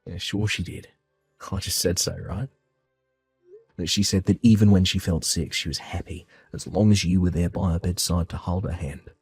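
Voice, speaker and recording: A man calmly telling his own family story in the first person and voicing his part of the dialogue with reassuring warmth. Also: sits low, normal speed, breathy edge, no room sound, faint music behind. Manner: calm, reassuring, heartfelt.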